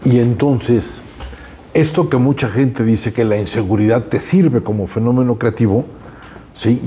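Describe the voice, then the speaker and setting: Male interviewer, warm and dark timbre, thoughtful and measured. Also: mid-range voice, slight background noise. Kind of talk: interview questions.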